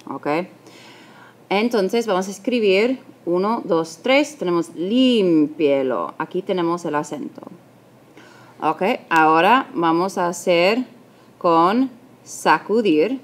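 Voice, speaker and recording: Woman teacher, lowish voice, unhurried screencast narration, patient, counts things out. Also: animated. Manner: patient, explains step by step; corrects her own slips aloud. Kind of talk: recorded video lesson.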